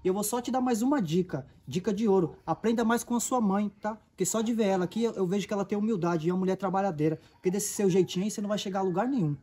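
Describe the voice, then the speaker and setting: Brief: Brazilian man, playing a humble lecturing worker, fast and husky. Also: high voice, mellow. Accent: Brazilian Portuguese. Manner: patient, moralizing. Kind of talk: amateur comedy skit acting.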